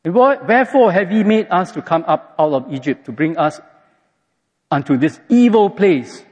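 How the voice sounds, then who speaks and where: A man's voice: high voice, expressive, normal speed, a little mellow, breathy edge. A man voicing an exasperated, sarcastic ancient complainer who moans about having no water, in a dull, echoey hall recording. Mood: whining complaint. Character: grumbling thirsty ancient desert complainer, male adult.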